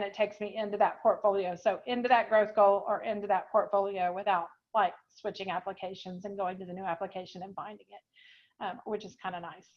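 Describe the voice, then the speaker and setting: A woman presenting an online software webinar, explaining in a chatty way with many fillers, a little out of breath. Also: medium pitch. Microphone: video call. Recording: dull lo-fi online call audio.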